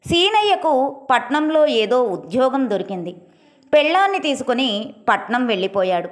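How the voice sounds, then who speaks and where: Woman storyteller, steady scripted narration, higher pitch. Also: moderate pace. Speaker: storyteller, channel host.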